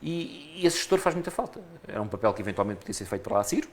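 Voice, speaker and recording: A man with a European Portuguese accent speaks quickly in a low-pitched voice, answering an interviewer earnestly and restarting phrases as he goes. He talks as a candidate in a local radio interview. A faint hiss of noise sits behind him. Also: sing-song. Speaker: municipal election candidate.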